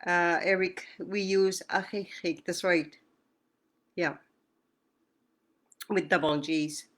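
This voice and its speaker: A woman leads an online language lesson, speaking slowly in a slightly low voice. She repeats words with care and answers questions patiently, as if over a video call. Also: steady tone, fairly bright tone. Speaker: language teacher.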